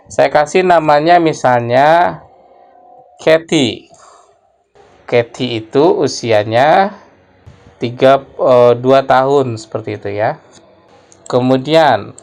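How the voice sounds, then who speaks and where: A man giving a screen-recorded coding tutorial, explaining slowly and thinking aloud as he types. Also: medium pitch, darkish tone. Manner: slow, explanatory, thinks aloud while typing. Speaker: programming tutor.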